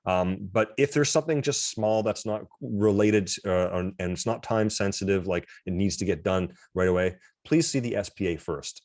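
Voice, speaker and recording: A man's voice: on the low side, normal speed, few pauses, a little mellow, no echo, studio quality. A man teaching an online class, talking casually and self-deprecatingly with frequent restarts over a video call. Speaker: instructor.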